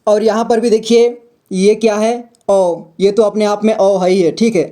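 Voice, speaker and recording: Mellow and evenly intoned, at medium pitch and normal speed, a patient teacher breaks reading down into syllables and words. Sounds are repeated, self-posed questions are answered, and "theek hai" check-ins punctuate the phonics lesson.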